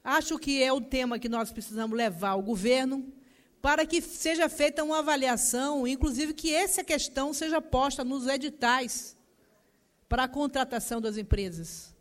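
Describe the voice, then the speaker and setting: A woman's voice: high voice, normal speed. Brazilian woman speaking formally in parliament. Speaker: legislator speaking in session.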